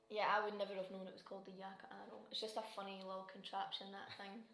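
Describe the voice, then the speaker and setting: A woman's voice: medium pitch, fairly bright tone, a little hiss or hum. A Scottish woman hosting a casual quiz, reading each question twice and laughing often. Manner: giggly, chatty, reads questions twice. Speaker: quiz host. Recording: roomy echo.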